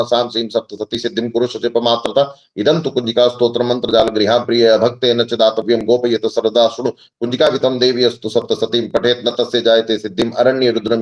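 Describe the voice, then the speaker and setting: A man's voice: mid-range voice, lo-fi sound. Man explaining and reciting Sanskrit verses. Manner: measured, hesitant with fillers, recites Sanskrit verses fluently. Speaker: guest, astrologer and tantra practitioner. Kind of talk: podcast interview, devotional explanation.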